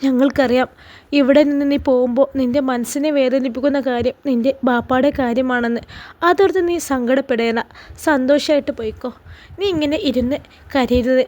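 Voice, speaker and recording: An earnest relative in a storybook who gives a heartfelt, pleading farewell, as a woman narrator puts the relative on. The voice stays high and sincere. The accent is Malappuram Malayalam. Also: steady tone, fairly quick, a little mellow, close to an everyday voice.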